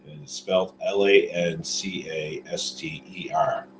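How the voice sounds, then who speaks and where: A man's voice: sits low, steady tone, unhurried, roomy sound, slight background noise, rough recording. A man from New Hampshire chatting on a livestream, laid-back with short replies and dry asides. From New Hampshire, United States. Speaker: livestream co-host. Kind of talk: casual livestream chat.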